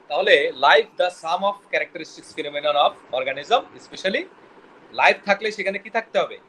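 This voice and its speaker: A man's voice: a little high, a bit bright, slight background noise, poor audio. A man teaching a biology class, quizzing students and mixing English terms into his explanations. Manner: quizzing, mixes English terms, stumbles over words. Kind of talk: classroom lecture with questions to students.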